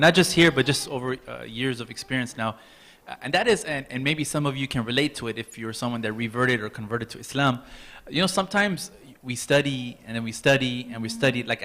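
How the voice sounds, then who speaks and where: A man of ordinary pitch speaks to a seated audience, building his point step by step. He draws the listeners in with direct questions as he goes. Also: a bit bright. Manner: engaging, asks audience questions. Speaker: outreach staff host. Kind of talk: event talk to audience.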